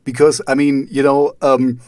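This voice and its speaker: Non-native male host, halting, repeats words, dry close sound, mid pitch. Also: flat delivery, mellow, dry recording. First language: not English. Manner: hesitant, stumbles and repeats words. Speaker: podcast host. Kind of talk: casual interview questions.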